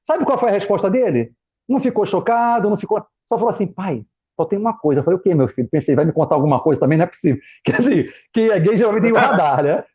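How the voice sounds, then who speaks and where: High-voiced man telling a story, muffled audio. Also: fast talker, slightly rough. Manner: animated, acts out family members' voices in quotes. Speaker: guest, former pastor. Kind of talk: casual chat, personal storytelling. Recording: muffled lo-fi live stream audio.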